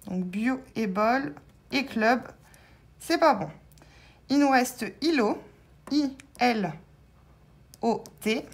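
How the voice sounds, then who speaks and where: A woman's voice: a little high, expressive, very slow, long pauses, slightly rough. A woman vlogger commenting casually and hesitantly as she scratches lottery tickets, spelling out letters with many fillers.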